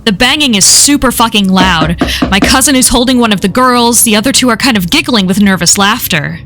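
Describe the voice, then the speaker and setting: A woman reading a horror story aloud on a live stream, in a measured storytelling manner that slows at the tense moments. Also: on the high side, fairly bright tone, soft background music.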